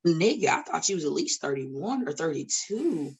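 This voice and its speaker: Very animated and talking at normal speed, this woman has a low-sitting, creaky voice that's a little mellow and slightly rough. An independent wrestler in her late thirties, she's a podcast guest at a studio table, blunt and profane in casual chat, with preachy asides.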